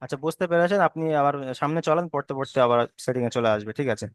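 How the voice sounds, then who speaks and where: A man's voice: on the high side, rapid-fire, dry recording, clean studio sound. A man teaching Arabic letter reading in an online class, patiently spelling each step and repeatedly asking if everyone follows. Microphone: online class call.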